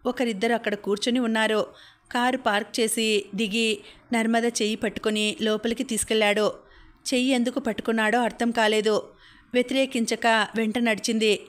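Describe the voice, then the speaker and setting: A woman narrating a novel as an audiobook, reading steadily and evenly. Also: a little high. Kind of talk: scripted story narration.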